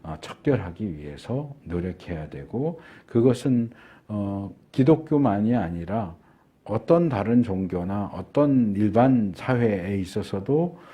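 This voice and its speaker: A middle-aged male pastor delivering a sermon, unhurried, with frequent filler pauses and slowed words for emphasis. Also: on the low side, animated, slightly rough, lo-fi sound.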